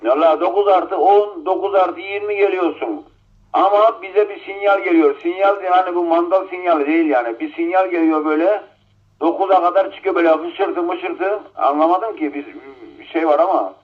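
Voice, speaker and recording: A man's voice: high-pitched, steady tone, moderate pace. A man in casual conversation as a CB radio operator, heard over a walkie-talkie. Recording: muffled, very noisy, clicking distant CB radio.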